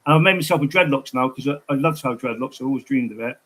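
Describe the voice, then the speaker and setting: A man's voice: mid-range voice, fast talker, pushed and bright, low-quality recording. A man chatting casually on a livestream, telling rambling, digressive stories.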